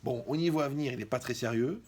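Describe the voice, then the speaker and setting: A man's voice: mid-range voice, quick pace, darkish tone. A man performing a stand-up comedy monologue, acting out dialogues with mocking asides.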